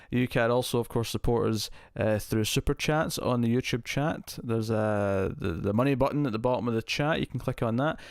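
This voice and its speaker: Hosting a relaxed live stream, a man talks to his audience and thinks out loud in a medium-pitched voice. The recording is dry, with a close mic and heavy compression holding his level steady.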